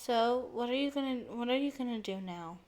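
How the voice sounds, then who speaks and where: A woman voicing a cool, blunt young woman classmate with a flat, pointed delivery. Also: on the high side, fairly quick, slight background noise, natural voice. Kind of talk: reading a game aloud on stream.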